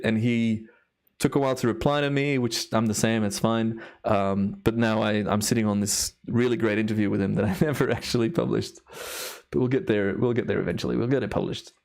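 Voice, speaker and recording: A man with a steady, mid-range voice, gravelly yet a little mellow, talks fairly quickly. He's a timelapse photographer hosting a live stream, casual and enthusiastic with awed exclamations, his voice slightly worn from a long day of recording.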